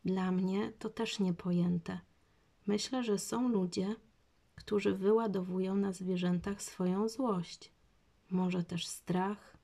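A woman voicing a gentle, caring mother in a children's audiobook, talking softly, slowly and comfortingly. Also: mid-range voice, steady tone, creaky. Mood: sad.

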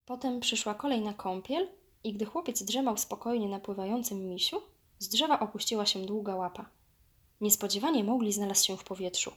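A woman's voice: medium pitch, fairly quick, fairly bright tone. Woman reading a children's storybook.

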